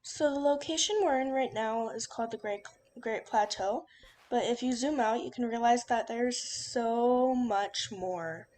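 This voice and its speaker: A woman's voice: fairly high pitch, measured pace, darkish tone, a little hiss or hum. A young woman giving casual, instructive gameplay commentary as a let's play host, chatty and with many fillers.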